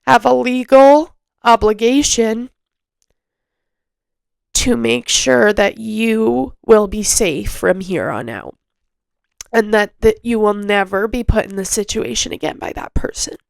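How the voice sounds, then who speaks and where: A young woman podcaster tells a personal story slowly and haltingly, often restarting her sentences as emotion rises. Her voice comes through smooth and clear, recorded close and dry with no room sound. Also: on the high side, dry recording. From Canada. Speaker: podcast host.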